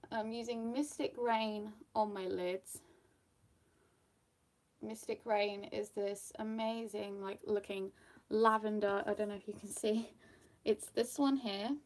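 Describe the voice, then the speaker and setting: Mid-range and a touch mellow, the voice belongs to a young woman from the UK whose British accent leans slightly Australian. She's a makeup vlogger doing a relaxed get-ready-with-me, full of fillers and giggles as she rambles.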